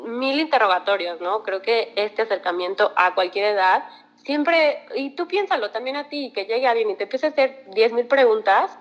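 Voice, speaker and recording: Psychologist woman, podcast chat, higher voice, acts out little scenes, dull sound. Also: animated, normal speed. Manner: explains warmly with acted-out example dialogues. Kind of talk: podcast conversation.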